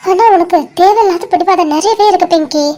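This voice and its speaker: A high-voiced performer as Malar, a bossy caring friend. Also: fairly quick, warm tone. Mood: scolding. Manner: scolding, insistent, teasing. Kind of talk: dramatic cartoon dialogue.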